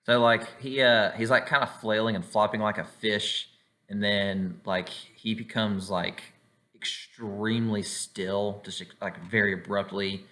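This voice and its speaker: A man's voice: fairly low pitch, steady tone, unhurried, sharp tone. A man narrating as game master of a tabletop game, rambling with many "like"s and "uh"s. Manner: rambling, full of "like" and "uh".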